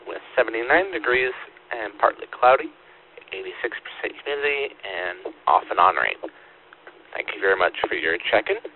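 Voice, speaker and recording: Male radio net controller, low-pitched, formal and procedural, heard through a narrow, lightly static radio-room transmission. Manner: procedural, repeating call signs and details back. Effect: two-way radio transmission. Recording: phone-like radio static and hum. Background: radio static and hum.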